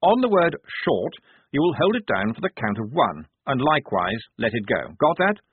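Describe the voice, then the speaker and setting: A man voicing a pompous, fussy young army lieutenant with a prim, self-important, high-strung manner. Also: very animated, moderate pace, a little hiss or hum. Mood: fussy, commanding. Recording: tinny phone-like dry sound.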